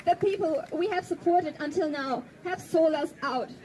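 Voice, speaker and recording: Her high voice carries a darkish tone in a rough recording as this German activist, a native German speaker, addresses an audience with a prepared speech. She's earnest and pointed, slowing for emphasis.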